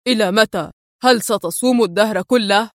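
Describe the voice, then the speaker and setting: A woman's voice: mid-range voice, brisk, dry recording, clean studio sound, close to an everyday voice. A woman voicing a cold, confident young male interrogator in an audiobook reading, speaking curtly. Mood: angry. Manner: curt and cold.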